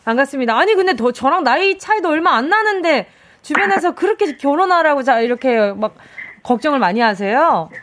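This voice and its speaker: Chatty high-voiced woman radio DJ. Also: animated, fairly quick, fairly bright tone, no echo. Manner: chatty, playful, teasing. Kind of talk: radio show with listener messages and call-in. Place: radio studio. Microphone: close studio mic.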